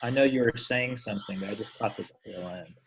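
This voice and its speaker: A man talking casually on a group call about his own book's chapters, easygoing and quick to laugh. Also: on the low side, slight background noise. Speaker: author presenting his table of contents.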